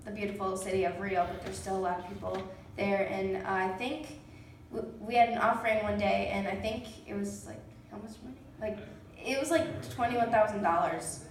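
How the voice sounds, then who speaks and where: A woman's voice: mid-range voice, steady tone, moderate pace. Young woman chatting in a very echoey room. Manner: filler-heavy, youthful, chatty phrasing with frequent "like". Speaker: event participant giving a short report. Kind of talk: casual informal recap to an audience. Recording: very echoey room, distant mic, faint noise.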